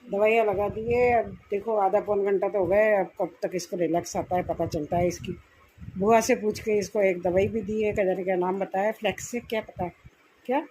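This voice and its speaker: A woman's voice: fairly even intonation, brisk, slight background noise, low-quality recording. A woman chatting in a casual home vlog, telling a homely story about a child's injury in plain, conversational talk. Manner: chatty, homely storytelling, gets loud and high when fussing over the injured child. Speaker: vlogger.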